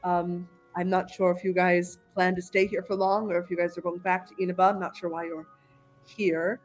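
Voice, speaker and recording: A woman's voice: lowish voice, flat delivery, moderate pace, soft background music, voice pushed down, natural voice. A woman voicing a polite, probing female therapist in a tabletop role-play game, hesitating often with ums. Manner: hesitant, lots of ums and uhs.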